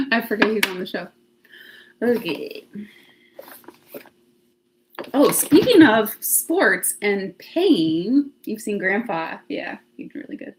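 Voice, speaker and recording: Very animated yet slow, her medium-pitched voice comes through over a noisy background. She's an American vlogger in her thirties livestreaming casually from her home kitchen, talkative and self-deprecating, sometimes whispering to test her mic. She records on a phone with a clip-on mic.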